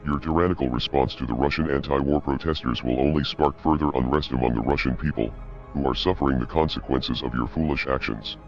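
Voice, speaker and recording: A man reading a scripted statement as an anonymous activist spokesperson in a disguised, pitched-down voice, cold, measured and ominous. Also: fairly even intonation. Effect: disguised, pitched-down deep voice. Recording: dull lo-fi audio, music behind.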